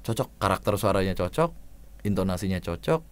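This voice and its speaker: Lively man critiquing voice-overs. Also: brisk, no echo. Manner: animated, demonstrates lines with big pitch swings. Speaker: voice-over coach reviewing submissions. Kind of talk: casual spoken critique.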